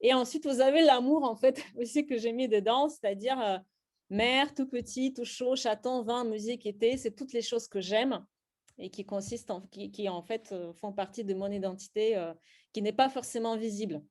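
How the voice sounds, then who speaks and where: A middle-aged woman from Russia leads a slam poetry workshop, speaking French with a clear Russian accent. She explains her writing to students in a hesitant way, filling pauses and restarting phrases often. Her voice sits somewhat high for a woman. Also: darkish tone. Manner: hesitant, many fillers and restarts.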